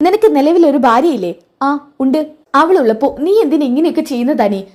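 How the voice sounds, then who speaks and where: A woman's voice: high-pitched, expressive, quick pace, darkish tone, voice pushed up. A woman voicing a nervous young woman hiding a late-night call from her family. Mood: alarmed. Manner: flustered, anxious.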